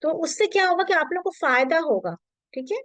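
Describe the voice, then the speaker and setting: High-voiced woman teaching Arabic grammar. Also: big pitch swings, brisk, a bit bright, no room sound. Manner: patient, reassuring, mixes English terms.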